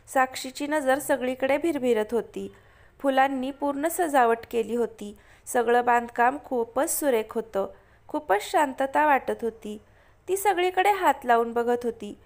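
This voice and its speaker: Woman storyteller, steady plain read, high voice. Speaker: narrator. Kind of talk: storytelling narration.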